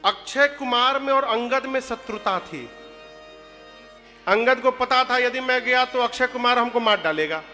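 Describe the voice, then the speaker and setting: A man, telling devotional stories with jokes, animated and bursting into loud chants. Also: very high-pitched, a little slow, soft background music. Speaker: religious storyteller. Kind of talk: humorous devotional storytelling.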